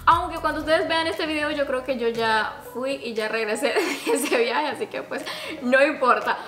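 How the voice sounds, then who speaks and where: A young adult woman vlogger telling a personal story in a casual, chatty, expressive way to the camera. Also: sits high, moderate pace. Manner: expressive, chatty, talks with her hands. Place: small furnished room at home, indoors. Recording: roomy home video sound. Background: background music.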